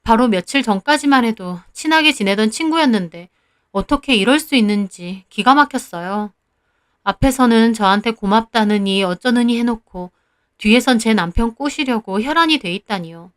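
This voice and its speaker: A woman with a fairly high voice narrates her own story in the first person. Her telling is confiding and indignant, the steady pace of a spoken storybook. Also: moderate pace, no echo, clean studio sound.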